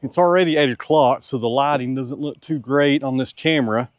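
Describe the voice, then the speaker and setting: A man's voice: medium pitch, brisk, dry recording, lo-fi sound. A tired man answers viewer questions in an easygoing, folksy, frank way, outdoors on a farm. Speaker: sawmill owner and channel host. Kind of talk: casual Q&A with viewers.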